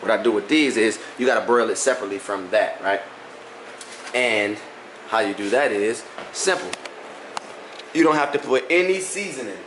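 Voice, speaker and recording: A man's voice: fairly low pitch, normal speed, long pauses, fairly bright tone. Laid-back young man with a Louisiana accent. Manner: joking, laid-back, teasing. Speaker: cooking vlogger. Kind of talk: casual cooking vlog. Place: home kitchen, indoors. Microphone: phone camera on the counter. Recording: echoey kitchen with background noise.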